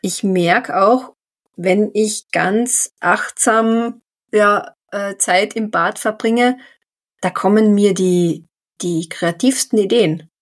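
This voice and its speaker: Calm reflective woman podcaster. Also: mid-range voice. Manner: calm, reflective, drawn-out phrasing with many "ja" fillers. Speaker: podcast co-host. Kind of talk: casual podcast conversation on mindfulness.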